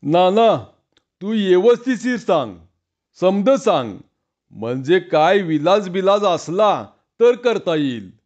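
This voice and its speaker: A man's voice: sits high, sing-song, takes it slowly, a little mellow, lo-fi sound, voice pushed up, heavily acted. A man voicing an eager, nervous village man who coaxes with urgency. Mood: coaxing.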